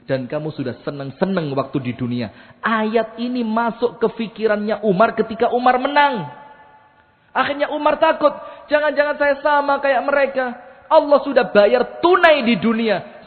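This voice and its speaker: A man preaching a mosque sermon, telling stories, acting out quotes and chanting verses. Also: high-pitched. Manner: storytelling, acts out quotes, chants Quran verses. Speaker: Islamic preacher. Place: mosque hall. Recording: echoey hall over a tinny line.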